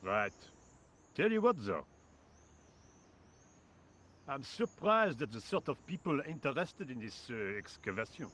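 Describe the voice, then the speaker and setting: A work-shy French painter in a point-and-click game. He speaks with a French accent in a dry, indifferent drawl at a middling pitch, with a faint hum of crickets behind. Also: very animated, unhurried, long pauses, a bit bright. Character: lazy sarcastic French workman painter. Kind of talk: video game voice acting.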